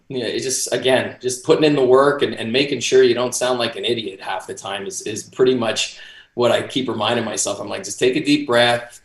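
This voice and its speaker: A man's voice: on the low side, vocal fry. A man in his forties talking casually as an interview guest over a roomy, echoey video call. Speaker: interview guest, boxing ring announcer. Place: small home office, indoors. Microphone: video call, computer mic at desk distance.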